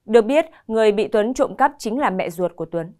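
A young woman anchoring the news in a TV studio with a crisp, formal delivery. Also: mid-range voice, expressive, fairly quick, a little mellow.

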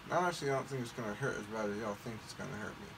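A young man with a gravelly, creaky voice, talking groggily as if still under anesthesia. He is cocky and sweary in casual chat, recorded on a phone in a bedroom with clear background noise. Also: on the low side, racing. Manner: groggy and drugged-sounding after anesthesia; cocky, profane. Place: lying in bed in a bedroom. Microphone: phone camera at a short distance. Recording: noisy phone video in bedroom.

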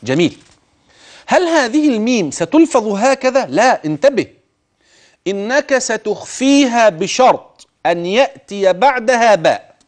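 A man teaching the rules of Quran recitation. He speaks straight to the listener, urges attention, and slowly stretches words to demonstrate how they should be pronounced. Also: sits high, sing-song. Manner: addresses the listener directly, urging attention. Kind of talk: tajweed lesson with recited examples.

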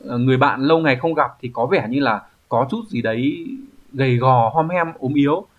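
A male teacher at an ordinary pitch explains exam questions patiently, often checking in with the listener. The recording sounds a little dull and lo-fi. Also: fairly quick. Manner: explanatory, asks rhetorical checks like "right?". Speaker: Japanese language teacher.

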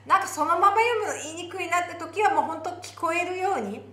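A woman with a Japanese accent teaching English pronunciation for singing, slowly modeling lyric phrases between quick explanations. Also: very high voice, expressive, fairly bright tone, roomy sound. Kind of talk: singing lesson with demonstrations.

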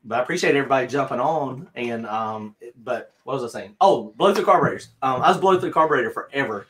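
Southern North Carolina man, middle-aged, easygoing livestream host, rambles and restarts a lot, mid-pitched voice. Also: expressive, quick pace, fairly bright tone. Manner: rambling, self-deprecating, many fillers and restarts. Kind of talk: casual livestream chat. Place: home craft studio, indoors.

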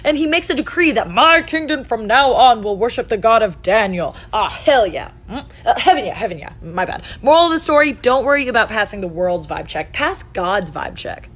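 A young woman telling comic stories in modern slang, with goofy, deadpan asides. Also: on the high side, moderate pace, hardly any pauses. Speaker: comedic storyteller.

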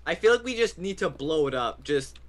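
A man bantering during a game, teasing his friends and breaking into excited shouts. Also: a little high, brisk, a little hiss or hum. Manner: teasing, jokey, bursts into shouts. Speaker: gamer co-host. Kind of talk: casual gaming banter.

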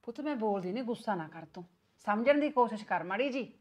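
ਇੱਕ ਔਰਤ ਪੰਜਾਬੀ ਲਘੂ ਫ਼ਿਲਮ ਵਿੱਚ ਪਿੰਡ ਦੀ ਸਬਰ ਵਾਲੀ, ਫ਼ਿਕਰਮੰਦ ਸੱਸ ਬਣੀ ਹੈ, ਜੋ ਨੂੰਹ ਨੂੰ ਪਿਆਰ ਨਾਲ ਮਨਾਉਂਦੀ ਹੈ।. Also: female voice, on the high side, lively intonation, quick pace, darkish tone. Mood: coaxing. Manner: soothing, pleading, worried. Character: village mother-in-law, patient and worried. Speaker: mother-in-law. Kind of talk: Punjabi short film acting.

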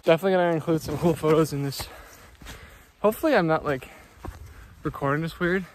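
A man's voice: a little high, quick pace, a little hiss or hum. A man filming a casual hiking vlog on his phone on a mountain trail, chatty and slangy, talking to his viewers as guys. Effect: phone-recorded video sound. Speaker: vlogger. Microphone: phone held while walking.

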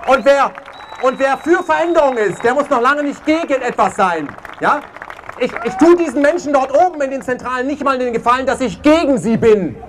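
Speaking at a peace demonstration outdoors, a man with a very high voice and lively intonation talks a little fast. His impassioned, emphatic speech is punctuated by repeated "ja?" tags, with a faint crowd in the background.

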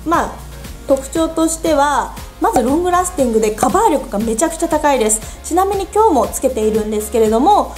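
A young woman with a high, lively voice chats through her favourite makeup in a casual, upbeat vlog. She is playful and talkative, and faint music plays quietly behind her. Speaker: beauty vlogger. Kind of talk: casual product review.

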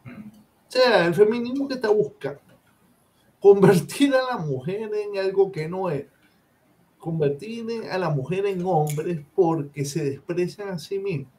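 A man's voice: sits high, unhurried, a little mellow. A Venezuelan man, a guest professor, speaks emphatically and lectures his opinions in a live-stream discussion.

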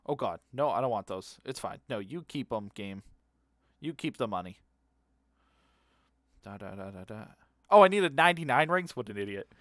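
A man's voice: medium pitch, animated, normal speed, pauses often, a bit bright, dry recording. A man chatting casually while he streams a game, rambling, laughing easily and humming to himself. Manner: rambling and easily amused, repeats words aloud, hums to himself.

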